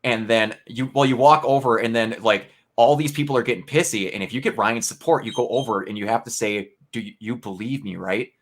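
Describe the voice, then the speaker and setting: A man's voice: medium pitch, fairly quick, hardly any pauses. A man in a casual spoiler review chat, rambling and acting out scenes in quoted voices. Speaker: game reviewer.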